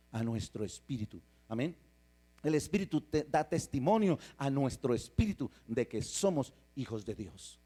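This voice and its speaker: A man's voice: medium pitch, mellow. A male pastor, delivering an emphatic sermon in a church and putting rhetorical questions to the congregation. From Colombia.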